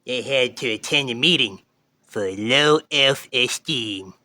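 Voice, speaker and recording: Man voicing a bright, corny puppet comic. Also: medium pitch, slow pace. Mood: corny, playful. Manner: setup-and-punchline banter. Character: corny joke-telling male puppet comic. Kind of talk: puppet comedy act.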